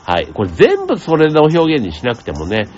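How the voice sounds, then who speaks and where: A man hosting a radio show, explaining things in a gentle, chatty way with many asides and fillers. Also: a little high, huge pitch swings, normal speed, dull audio, faint music behind. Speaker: radio host. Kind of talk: casual explanatory radio talk.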